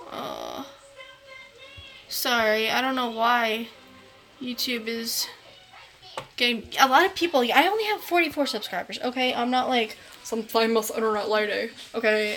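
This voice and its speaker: A woman's voice: a little high, fairly bright tone. A tired young woman from New England, hosting a casual live stream, rambling and chatty with lots of fillers and the odd angry curse. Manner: rambling, chatty, with many fillers and swearing outbursts.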